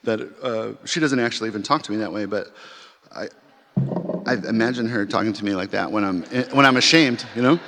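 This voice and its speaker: A man tells a symposium audience a personal story, loosely and conversationally, with many fillers and restarts. His voice is lowish and fairly bright, a little fast, echoing with long hall reverb in a large chapel.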